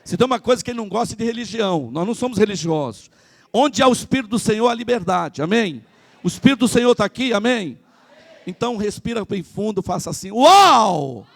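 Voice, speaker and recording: A male pastor with a Brazilian Portuguese accent preaches an animated sermon at a church service. He calls out to the congregation in a high, gravelly voice. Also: fast talker. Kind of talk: lively sermon.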